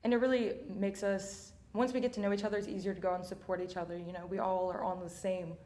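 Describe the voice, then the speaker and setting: Quick, upbeat young woman answering questions. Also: medium pitch, little pitch movement, dark tone. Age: young adult. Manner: upbeat, chatty, many fillers like "you know". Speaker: student athlete guest. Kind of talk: interview answers.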